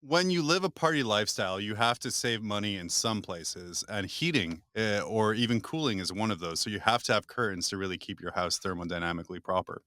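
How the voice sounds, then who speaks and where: Lively, bright-voiced male podcast host. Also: fairly low pitch, brisk, few pauses, no echo. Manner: joking, animated, frequent laughs. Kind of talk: casual chat.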